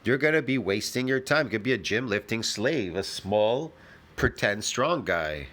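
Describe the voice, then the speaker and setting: A man's voice: on the low side, lively intonation, normal speed, background noise. A man giving blunt, casual commentary as he reacts to a clip, brash and argumentative, swearing freely.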